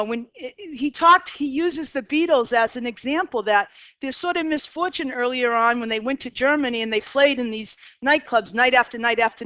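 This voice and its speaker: A woman's voice: a little high, a bit bright, smooth, no room sound, lo-fi sound. Chatty Boston-accented woman teaching math. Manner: chatty, asks the class questions, digresses. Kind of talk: classroom lecture. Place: classroom.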